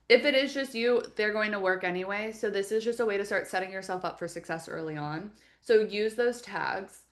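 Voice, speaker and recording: A woman leading a live webinar as a software trainer, explaining each step in a friendly, practical, instructional way. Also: mid-range voice. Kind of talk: live webinar screen-share tutorial.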